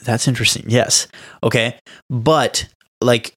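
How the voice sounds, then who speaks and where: A man's voice: medium pitch, fairly even intonation, measured pace, a bit bright, husky. A young man co-hosting a casual podcast at home, rambling with lots of "like" and restarts. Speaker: podcast co-host. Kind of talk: casual chat.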